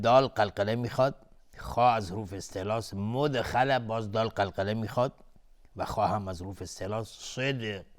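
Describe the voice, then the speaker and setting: A man teaching tajweed on a TV lesson, reciting words slowly and then explaining the rules briskly, repeating words to show how they are said. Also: on the low side. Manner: repeats words to demonstrate pronunciation.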